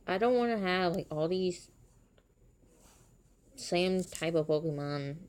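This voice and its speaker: A woman's voice: on the low side, lively intonation, slow pace, a little mellow, clean tone. A woman chatting casually as she plays a mobile game on her stream, talking in a chatty way and breaking into surprised exclamations.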